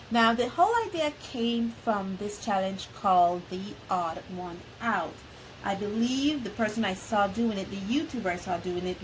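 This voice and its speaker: A woman hosts a casual art vlog from home, with rain and faint ambient noise behind her. Her voice sits at a medium pitch and sounds a little sniffly. She chats informally and pauses to think aloud. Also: low-quality recording. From Belize. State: sniffly from allergies. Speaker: art channel host. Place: at home near a highway, rain on the house. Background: rain, outdoor ambience.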